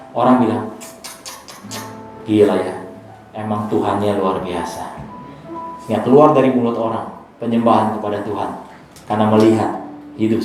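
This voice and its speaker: A man's voice: lowish voice, darkish tone. Man preaching in an echoey church. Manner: emphatic, addresses congregation directly; leads congregation in spoken responses. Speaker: pastor. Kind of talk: sermon. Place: church service. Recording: echoey church hall with music.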